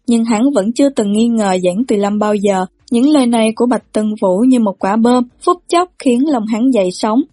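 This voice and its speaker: A woman narrating an audiobook novel in a steady, even storytelling voice. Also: a little high, no echo, studio quality. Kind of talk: reading a novel aloud.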